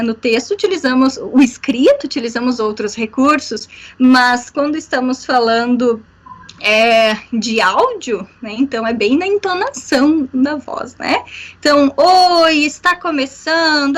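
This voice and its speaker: A woman teaches a workshop over a video call. Her voice sits high, and she explains things patiently, dotting her sentences with fillers and a questioning "né?". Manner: explanatory, many fillers, frequent "né?". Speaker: workshop instructor. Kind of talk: online workshop lecture.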